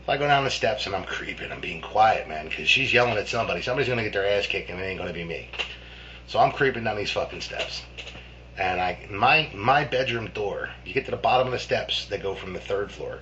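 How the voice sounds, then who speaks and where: A man's voice: on the low side, animated, fast talker, bright, forceful tone. A man casually telling a childhood ghost story in a rambling, profane way, full of restarts and fillers. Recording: dull lo-fi with faint hum.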